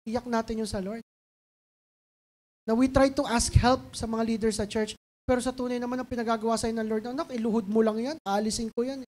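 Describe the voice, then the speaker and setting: A woman pastor with a Filipino accent preaching a sermon, pleading and emotional, building to fervent intensity. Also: on the high side. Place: church stage. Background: soft band music.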